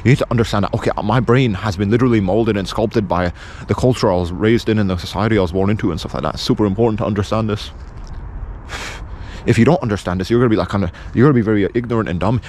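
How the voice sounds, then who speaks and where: A man with a British accent rattles through an off-the-cuff opinion monologue at very high speed. His voice sits a little low, and he hammers his points bluntly and repeatedly. There is faint noise in the recording. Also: rapid-fire, few pauses, a little mellow. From England. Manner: insistent, blunt, repetitive. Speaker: video presenter.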